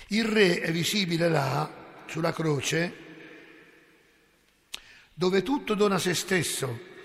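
A priest delivers an impassioned sermon in a fairly high, gravelly voice, dropping to near whispers and then rising to ringing cries. His words hang in the long reverb of a church. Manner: impassioned, rhetorical, swings between hushed and loud.

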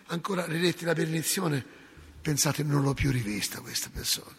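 An older male priest delivers a sermon in a very husky, somewhat high voice. He tells his stories dramatically, sinking to hushed whispers and then bursting into loud exclamations. His words ring out with a long reverb, as if they fill a large church. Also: fairly quick.

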